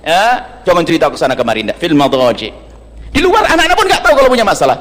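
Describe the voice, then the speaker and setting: A man's voice: a little high, huge pitch swings, racing, a bit bright, a little hiss or hum. A man preaching a sermon to an audience, teasing and humorous. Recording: long reverb of a large hall.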